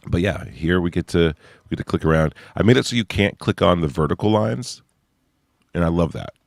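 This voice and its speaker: A man's voice: low voice, animated, a little fast, creaky, dry recording, studio quality. A young man casually walking through his website on screen, rambling and thinking aloud. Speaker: website creator giving a demo. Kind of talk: casual screen-share walkthrough.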